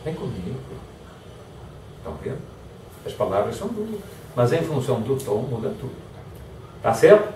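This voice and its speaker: With a mid-range voice, a slightly fast delivery, and long pauses, a man gives a lively motivational lecture over slight background noise. He acts out example phrases in varied tones. The recording is far off in an echoey hall.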